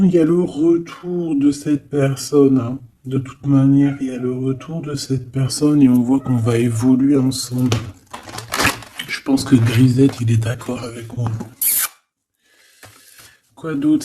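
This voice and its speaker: A medium-pitched, mellow male voice, fairly even in intonation, moves slowly through an improvised tarot reading with long pauses and a faint hiss or hum. The host hesitates, repeats himself, leans on "hein," and speaks familiarly to the listener.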